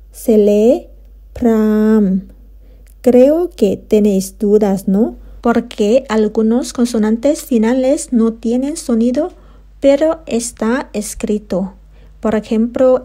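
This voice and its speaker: Slow, patient Thai-accented woman teaching. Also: on the high side, warm tone. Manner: repeats words slowly for learners. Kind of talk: slow explanatory lesson.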